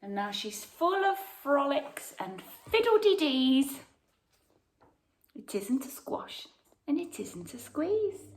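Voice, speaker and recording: Slow, lilting woman storyteller. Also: high-pitched, big pitch swings, a little hiss or hum. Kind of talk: expressive children's picture-book read-aloud. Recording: roomy, echoey sound.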